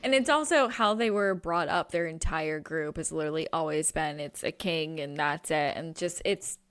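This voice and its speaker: Low-voiced woman chatting about books. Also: moderate pace, a bit bright, smooth. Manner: chatty, swears casually, acts out quotes. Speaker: podcast co-host. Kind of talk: casual book discussion.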